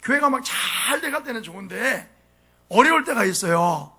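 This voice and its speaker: A man preaching a sermon as pastor, animated and often asking the congregation questions. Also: very high-pitched, normal speed, breathy edge. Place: church sanctuary.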